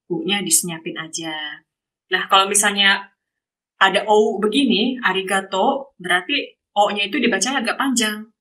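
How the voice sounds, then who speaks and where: Bright-voiced woman teaching casually. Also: medium pitch, poor audio. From Indonesia. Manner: explains step by step with many examples, chatty. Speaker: guest speaker teaching Japanese. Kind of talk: casual online lesson. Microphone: video call.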